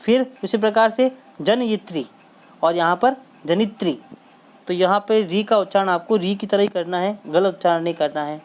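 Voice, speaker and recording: A man teaching as he reads out lists of words slowly and deliberately, one by one, pausing between each. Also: sits high. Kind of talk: slow lesson reading word lists.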